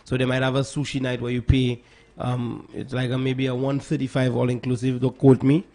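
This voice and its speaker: A man's voice: mid-range voice, monotone, a little fast, warm tone. A young man, hosting a casual morning radio show in a jokey, playful way. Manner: playful, jokey, laughs easily. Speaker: radio host. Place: radio studio.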